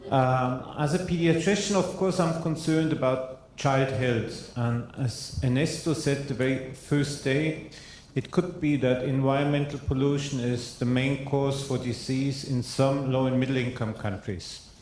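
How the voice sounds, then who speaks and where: A man's voice: mid-range voice, unhurried, a little mellow, slight background noise. A man who is a pediatrician and professor, opening his question in a joking, friendly way. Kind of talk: conference question. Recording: echoey conference hall.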